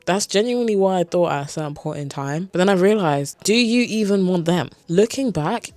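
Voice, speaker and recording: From a beanbag chair in her bedroom, a chatty twenty-something vlogger from South London answers questions from viewers, speaking candidly and with frequent asides to the camera facing her. She has a London and Kent accent blend and a low-pitched, somewhat mellow voice.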